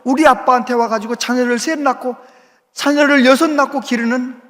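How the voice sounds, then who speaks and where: A man's voice: very high voice, steady tone, moderate pace, a bit bright. A male pastor preaching a sermon, telling a story with a voice that climbs and drops sharply. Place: large church sanctuary. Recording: church hall reverb.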